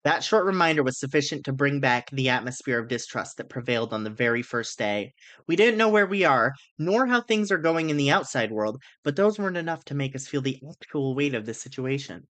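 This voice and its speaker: An amateur voice reader, a man, reads a visual novel game aloud as dramatic narration with casual asides, music playing behind him. His mid-range voice is fairly bright, expressive and a little fast.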